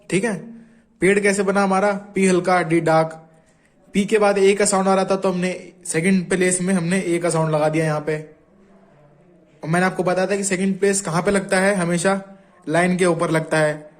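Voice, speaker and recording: A man teaching shorthand in a patient tutorial, repeating each sound aloud as he writes and often checking in with his viewers. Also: a little high. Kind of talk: Hindi tutorial explaining strokes.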